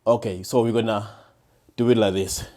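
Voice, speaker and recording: A man in his thirties from KwaZulu-Natal, South Africa, a former defense attorney, chats casually as a podcast guest in an interview. His voice is lowish, warm and steady at normal speed, and he often restarts and repeats words.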